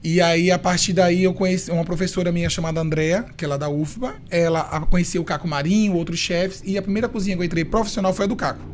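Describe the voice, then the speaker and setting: A young man from Recife, a chef and podcast guest, telling his story in a playful, expressive and talkative way. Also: sits high, fast, few pauses, a little hiss or hum. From Recife, Brazil. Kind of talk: casual interview storytelling.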